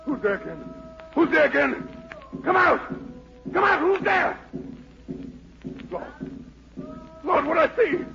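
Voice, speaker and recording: An actor playing a proud, desperate fugitive emperor with a Southern American accent and anguished, pleading delivery in a radio drama. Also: male voice, very high voice, vocal fry, a bit bright, exaggerated voice. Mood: terrified, pleading. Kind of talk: 1940s radio drama acting. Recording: dull 1940s radio broadcast.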